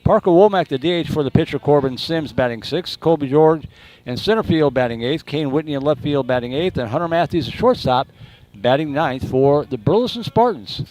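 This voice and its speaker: A man's voice: a little fast, darkish tone, rough recording. A man doing live baseball play-by-play in an announcer voice. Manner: announcer voice calling pitches and plays. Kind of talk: live sports commentary.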